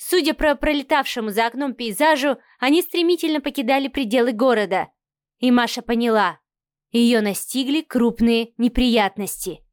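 A woman's voice: a little high, normal speed, no echo, studio quality. Woman narrating a romance audiobook.

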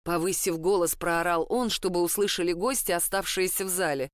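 A woman narrating a novel in a steady, expressive reading voice. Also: on the low side, brisk, no room sound, studio quality. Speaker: audiobook narrator. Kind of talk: scripted narration.

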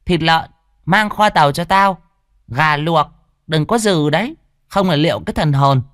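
A man voicing a cruel young stepmother who screeches abuse in a shrill voice. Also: unhurried, a bit bright, dry recording, studio quality. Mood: shrieking, furious.

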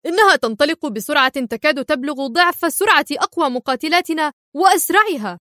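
A tense American man speaks curtly and with irritation, as a woman narrator puts him on. His voice sits a little high for a man, and the recording is close and dry. He is a character in an audiobook thriller. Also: animated, fairly quick, sharp tone, no room sound. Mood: irritated. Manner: curt, irritated.

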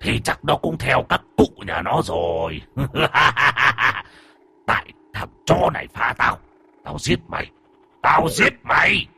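A man voicing the vengeful ghost of a murdered orphan boy, snarling and swinging from low hisses to shrieks. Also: very animated, normal speed, creaky, few pauses, a bit bright, husky, faint music behind, exaggerated voice.

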